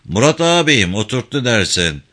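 A polite, urbane young gentleman speaks in a calm, courteous, reasoning way, as voiced by a male audiobook reader. His tone is bright, with lively pitch. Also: normal speed. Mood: patient. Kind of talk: audiobook character reading.

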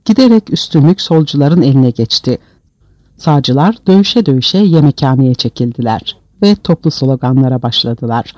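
A man's voice: mid-range voice, animated, moderate pace, a little mellow, no echo. A man narrating an audiobook in a dramatic storytelling manner, on a dull, dry lo-fi recording.

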